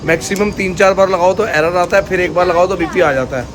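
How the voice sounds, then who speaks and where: A man's voice: high voice, brisk. A man filming a casual family vlog outside a row of shops, chatting and joking as he describes what is going on around him. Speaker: family vlogger. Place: outdoors at a busy street of shops. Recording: noisy outdoor street recording. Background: traffic and street noise.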